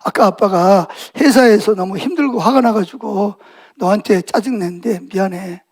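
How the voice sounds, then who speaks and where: Man voicing a curt, worn-out father, high-pitched and brusque, storybook dad in a sermon. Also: lively intonation, moderate pace, a bit bright. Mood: apologetic. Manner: curt, snappish. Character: tired irritable working father in his thirties.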